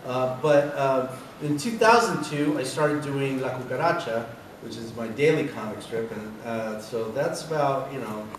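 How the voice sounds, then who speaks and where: A man's voice: mid-range voice, a little slow, noisy background. Middle-aged man telling rambling stories. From San Diego, California. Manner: digressive, chuckles at his own stories. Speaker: editorial cartoonist giving a talk. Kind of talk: rambling anecdotal talk. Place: convention hall. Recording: roomy hall, distant mic, faint ambience.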